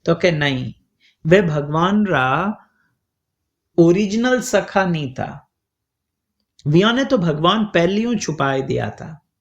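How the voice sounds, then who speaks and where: A man's voice: on the high side, animated. A man telling a devotional story as a sermon, chanting verses and acting out the voices of its figures. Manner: slow, sing-song storytelling with Sanskrit verses and acted voices. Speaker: preacher telling scripture stories. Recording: dull lo-fi recording.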